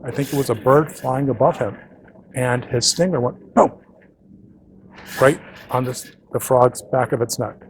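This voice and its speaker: A therapist telling a client story and a fable in a conversational, animated way. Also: male voice, medium pitch, slight background noise. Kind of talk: storytelling to an audience.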